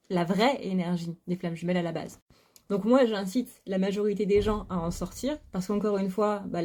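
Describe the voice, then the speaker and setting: Her voice is warm and medium-pitched as this spiritual YouTuber talks openly to her audience in a relaxed home vlog. She restarts often and fills her speech with fillers, while a vacuum cleaner can be heard running nearby.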